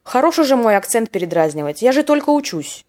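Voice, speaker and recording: A woman hosts a podcast teaching Russian slang, her voice on the high side, very animated and quick, with a slightly mellow tone and faint music in the background. Her scripted narration is wry and playful, and she acts out short example dialogues.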